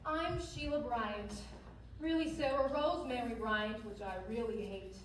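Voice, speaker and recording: A woman's voice: a little high, a little slow, lightly acted. A woman playing a dry, sardonic dancer nearing thirty, in a live musical recorded from afar in an echoey hall. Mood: wry. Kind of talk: live stage musical acting. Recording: distant echoey stage recording with hall noise.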